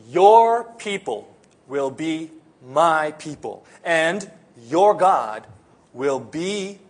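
A pastor who came from the Philippines and grew up in America preaches earnestly, his American accent steady as he slows to stress key phrases. The voice is a little high and fairly bright, with a breathy edge.

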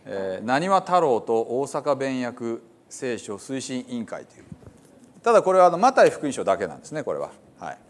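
A man, a pastor, chats casually with his congregation, amused by what he is telling them. His pitch moves freely up and down. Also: big pitch swings, normal speed. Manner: chatty, amused, reads quotes with a laugh.

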